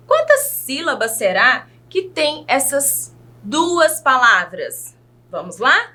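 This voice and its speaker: Woman teacher from Brazil, children's lesson; high, lively pitch, very slow, patient delivery. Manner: slow, exaggerated enunciation of words; patient, asks questions to young learners.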